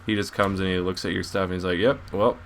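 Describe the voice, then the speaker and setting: A man's voice: low voice, completely flat delivery, quick pace, a bit bright, slight background noise. A young man giving casual video commentary, rambling and self-mocking with lots of restarts. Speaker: YouTube gaming commentator.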